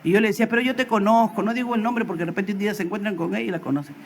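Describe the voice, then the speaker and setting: A woman teaching a Sunday school sermon tells stories animatedly, acting out the voices of the people in them and building to emphatic exhortation. She speaks rapid-fire in a medium-pitched voice, with slight background noise.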